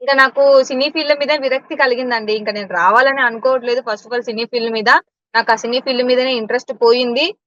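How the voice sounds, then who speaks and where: A woman's voice: fairly high pitch, steady tone, fast, a bit bright, no echo, dull audio. A woman giving blunt, indignant answers in an interview. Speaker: interview guest.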